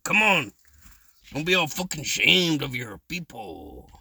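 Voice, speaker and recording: A man's voice: a little high, very animated, a little slow, gravelly, sharp tone, slightly rough, dry recording. A young man taunting others in an online voice chat, mocking and provocative. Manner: taunting, mocking, repeats "bro" constantly.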